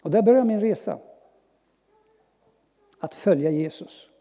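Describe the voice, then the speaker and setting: A man giving an earnest personal testimony as a preacher, speaking slowly with long pauses and sudden soft drops. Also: high-pitched, animated. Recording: long hall reverb.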